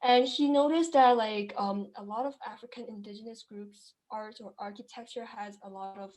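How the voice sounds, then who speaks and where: A young adult woman from China who grew up in Kenya answers interview questions as a guest entrepreneur. She's casual and chatty, using lots of fillers and restarts, in a mid-range, steady, darkish voice at a moderate pace.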